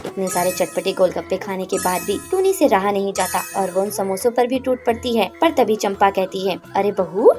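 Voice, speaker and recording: A woman narrates a children's cartoon story with lively, expressive delivery. Cheerful music plays clearly behind her voice. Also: mid-range voice, fairly quick, hardly any pauses.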